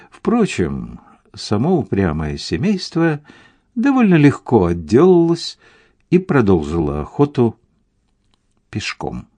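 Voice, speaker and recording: Lively male storyteller. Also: on the low side, vocal fry, husky, no echo. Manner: expressive storytelling, voicing each character. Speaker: audiobook narrator. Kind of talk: scripted narration.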